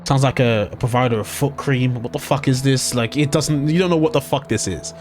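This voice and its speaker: Male game master, mid pitch, casual and halting, lots of ums and swearing, faint music underneath. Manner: hesitant, many ums and self-corrections, casual swearing. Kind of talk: narrating a tabletop game.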